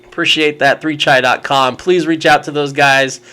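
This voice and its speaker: A man's voice: fairly high pitch, steady tone, pushed and bright, clear, resonant tone. A man hosting a casual sports podcast, joking around and stretching out his words for hype. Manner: joking, drawn-out hype delivery. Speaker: podcast host. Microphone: podcast microphone.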